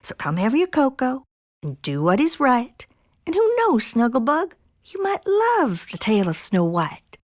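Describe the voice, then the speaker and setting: A woman's voice: high voice, huge pitch swings, measured pace, no echo, voice pushed up, exaggerated voice. A woman voicing a bossy but affectionate mother cat in a coaxing, sing-song manner. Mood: firm coaxing.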